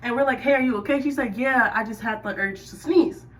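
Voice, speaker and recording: A woman's voice: on the high side, fairly quick, far from the mic, poor audio. Chatty woman telling a work story. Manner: chatty and animated, with sudden loud bursts. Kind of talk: casual storytime while doing hair.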